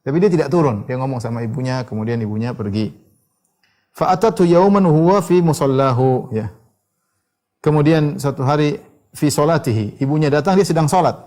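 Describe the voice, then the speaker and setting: A man's voice: medium pitch, expressive, normal speed, dark tone. A middle-aged male preacher giving a sermon, telling a story and explaining quoted Arabic texts, with frequent "ya" and "eh" fillers.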